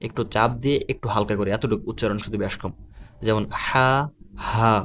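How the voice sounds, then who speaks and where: Man, Quran reading teacher, monotone, patient, repeats sounds, faint background hiss. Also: medium pitch. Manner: slow patient explanation, repeating letter sounds. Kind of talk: recorded online lesson.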